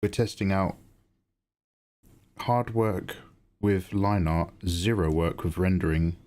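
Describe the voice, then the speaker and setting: A man with a deep, relaxed voice hosts a casual livestream. His tone is dark and mellow. He rambles along conversationally, thinking aloud as he talks to his viewers. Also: slow pace. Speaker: streamer and digital artist.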